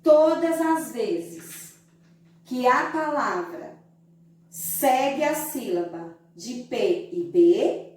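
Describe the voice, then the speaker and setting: A Brazilian woman teacher giving a slow, didactic lesson to young children, stretching out syllables to show how they sound. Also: on the high side, expressive, a little mellow, far from the mic. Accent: Brazilian Portuguese. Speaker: primary school teacher. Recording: very echoey room, voice from away from the mic.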